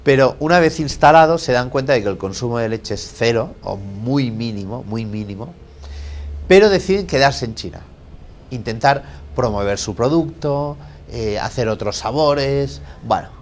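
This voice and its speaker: Brief: male lecturer, small seminar room, engaging, constant check-ins with listeners, mid-pitched voice, loud and quiet phrases alternating. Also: moderate pace, slight background noise. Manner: asks rhetorical questions, checks in with "¿de acuerdo?"; lively, shifts between loud and quiet phrases. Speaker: guest lecturer at a business talk. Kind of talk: business lecture to a small audience.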